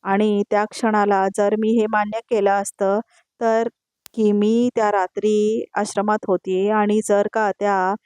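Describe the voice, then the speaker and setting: A woman's voice: medium pitch, little pitch movement, measured pace, a little mellow, smooth, no room sound, natural voice. A woman reading out the lines of an anxious young female client who pleads and apologizes, recorded close and dry. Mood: pleading.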